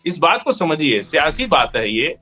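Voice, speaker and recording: A man's voice: fairly high pitch, sing-song, moderate pace, pushed and bright, soft background music. A man in a heated political discussion, arguing emphatically and cutting in on the other speaker. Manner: argumentative, emphatic, interrupts. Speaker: debate panelist.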